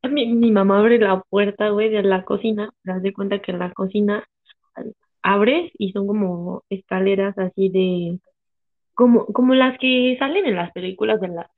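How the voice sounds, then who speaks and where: A young woman with a Mexican accent, chatting casually as a co-host, telling stories full of slang and swearing. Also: medium pitch. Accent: Mexican Spanish. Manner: slangy, swearing, animated storytelling. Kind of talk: casual chat. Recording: tinny phone-like sound.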